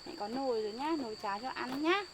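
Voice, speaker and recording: A mother cooing softly to her small child in sing-song baby talk. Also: high-pitched, animated, quick pace. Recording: loud insect and cricket noise outdoors.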